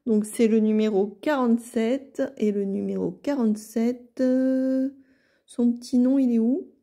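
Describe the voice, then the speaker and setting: A French woman calmly narrating a watercolour card tutorial in a casual way, with many fillers and restarts. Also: on the high side, a little slow. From France. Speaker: card-making artist.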